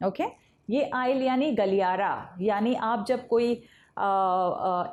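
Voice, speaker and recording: Woman from Mumbai, patient English tutor; slow, deliberate delivery, warm mellow timbre. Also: fairly high pitch. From Mumbai, India. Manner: slow, deliberate spelling-out of words letter by letter. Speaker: English teacher. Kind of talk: Hindi-language English vocabulary lesson.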